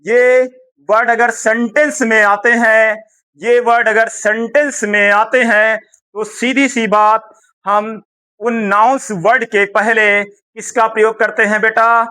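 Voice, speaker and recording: A man with a high, bright and crisp voice teaches grammar. He repeats each point, asks the class a question and answers it himself. He speaks fondly to his students. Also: flat delivery, slow. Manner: affectionate toward students.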